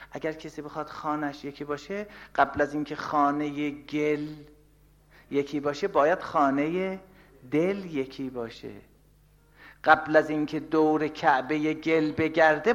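A man preaching a sermon, swinging from loud, impassioned declarations to hushed, murmured replies. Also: fairly high pitch, highs cut off.

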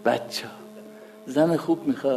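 A man's voice: medium pitch, gravelly, warm tone, soft background music. A middle-aged man with an Azerbaijani Turkish accent, from Iranian Azerbaijan, preaching a sermon in an emotional, dramatic storytelling manner. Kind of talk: religious sermon.

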